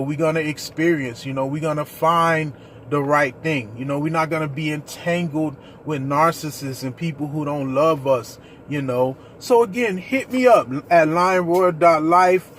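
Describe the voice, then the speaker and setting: A man speaks to camera in an earnest, preacherly way, sharing his own story with his viewers. His voice sits a little higher than most men's. A faint rumble of vehicles hums behind him. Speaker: ministry leader. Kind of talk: personal testimony vlog.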